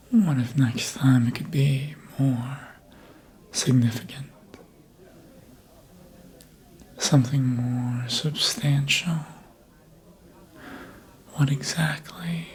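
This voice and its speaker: In a breathy ASMR whisper, a performer plays a sly, seductive, manipulative vampire, coaxing slowly and deliberately as if hypnotizing. The mid-range voice is lightly acted and carries teasing menace. The audio quality is poor.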